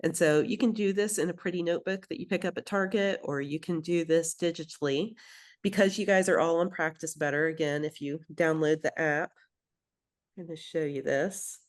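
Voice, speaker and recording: A woman's voice: low-pitched, fairly even intonation, normal speed. A woman who grew up in Belgium, coaching a group through a nutrition program in a conversational way, with many fillers and questions to the group. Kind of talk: instructional group session.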